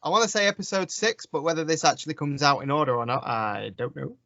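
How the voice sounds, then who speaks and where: A man's voice: a little high, very animated, fast talker, vocal fry, sharp tone, no room sound, highs cut off. A man co-hosting a casual band podcast, talking in a dry, teasing way. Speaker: podcast co-host. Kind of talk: casual chat.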